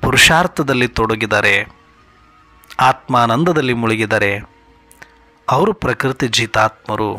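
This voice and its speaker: A man's voice: mid-range voice, a little slow, long pauses, sharp tone, soft background music. A man giving an earnest devotional sermon, asking one rhetorical question after another and speaking in God's voice to his children. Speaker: spiritual speaker.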